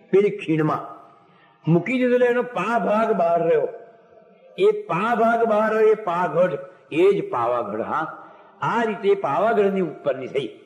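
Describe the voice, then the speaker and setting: A man giving a devotional discourse, retelling scripture stories in a lively, animated way. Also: sits high. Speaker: religious storyteller. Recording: echoey hall with long reverb.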